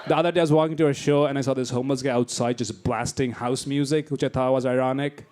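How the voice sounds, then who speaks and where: A man's voice: mid-range voice, fairly even intonation, fast talker, background noise. A young man from Bangladesh doing a stand-up set, teasing the audience with crass, brash banter on a club stage. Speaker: stand-up comedian. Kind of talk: stand-up set with crowd work. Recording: club set with roaring crowd laughter. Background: loud audience laughter.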